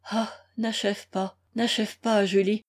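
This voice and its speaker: A woman's voice: mid-range voice, level tone, slow, breathy edge. Woman reading an anguished young man pleading. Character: desperate young man pleading with his beloved.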